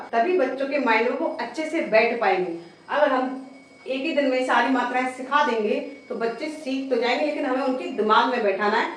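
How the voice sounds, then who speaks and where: A woman teaching Hindi vowel signs, patiently repeating each sound several times as she explains them to parents. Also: high voice. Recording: very echoey room, voice far from the mic.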